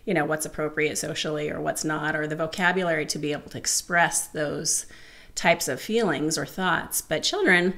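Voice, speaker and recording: A woman's voice: low-pitched, normal speed, a bit bright. A middle-aged woman speaking in an earnest, explanatory way in a casual round-table discussion. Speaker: panel guest. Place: living room, seated at a round table. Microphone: table-mounted microphone.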